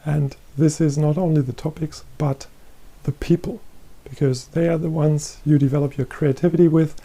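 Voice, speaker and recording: A middle-aged man giving a recorded presentation as head of a research chair, explaining calmly and repeating himself. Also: a little high, moderate pace. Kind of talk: presentation lecture. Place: green-screen studio.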